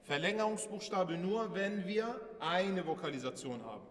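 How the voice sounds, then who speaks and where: A man's voice: high voice, animated, normal speed, long reverb tail. A man teaching a class, patiently asking questions and repeating points. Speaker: Arabic alphabet teacher. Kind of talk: classroom lesson with questions to students.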